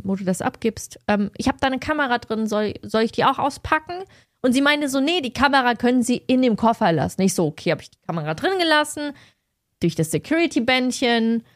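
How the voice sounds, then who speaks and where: A young woman, co-hosting a podcast, telling stories in a lively way and acting out the people in them. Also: on the high side, no echo, studio quality. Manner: lively storytelling, acts out quoted people. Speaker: podcast co-host. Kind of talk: casual chat.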